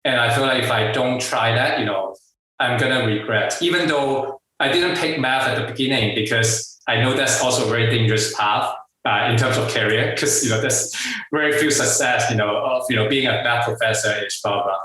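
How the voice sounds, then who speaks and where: Recorded at a distance in a strongly echoing room, this middle-aged Hong Kong-accented man speaks with a bright, forward voice of medium pitch. As a guest entrepreneur sharing stories in a relaxed interview, he stumbles through fillers and restarts and often laughs.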